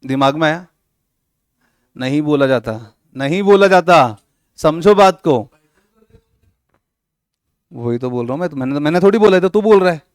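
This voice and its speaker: In this classroom lecture, a man whose voice is a little high and a little mellow teases his students and acts out small scenes while explaining. He speaks at a moderate pace, animated and pausing often, mixing Hindi and English with a Rajasthani accent, in a clean studio recording with no room sound.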